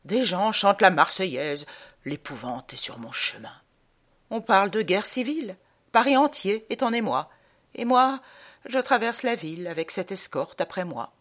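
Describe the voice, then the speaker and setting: A woman reciting a comic monologue in a theatrical style, swinging between loud outbursts and hushed drops. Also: medium pitch, big pitch swings, moderate pace.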